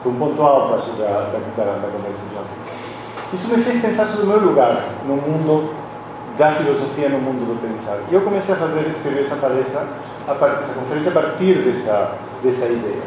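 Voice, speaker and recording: A man's voice: medium pitch, lively intonation, a little fast. A middle-aged man from Argentina, a Spanish speaker giving a personal, reflective academic lecture at a university conference and often restarting his phrases. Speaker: conference speaker, philosophy professor. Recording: very echoey hall, voice from a distance, audible background noise.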